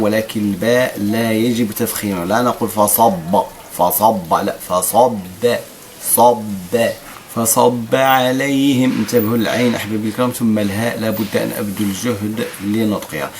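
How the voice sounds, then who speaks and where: A man with a Moroccan accent teaching tajweed, stretching out recited words slowly, then explaining quickly in Moroccan dialect. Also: on the low side, slight background noise. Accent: Moroccan Arabic. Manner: alternates drawn-out chanted recitation with quick explanations. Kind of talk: tajweed lesson with slow demonstrative recitation.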